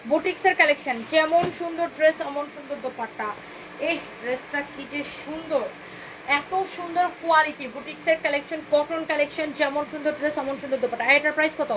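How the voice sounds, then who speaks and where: Fast, high-voiced woman selling live. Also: fairly even intonation, noisy background. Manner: chatty, repetitive hard sell, mixes in English phrases; bantering with viewers' comments. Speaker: boutique owner hosting a live sale. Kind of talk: live-stream sales pitch.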